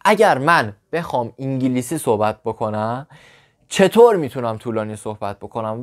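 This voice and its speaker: A man whose first language is Persian, an English teacher giving a casual spoken lesson to camera, animated and blunt, talking straight to the viewer. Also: on the high side.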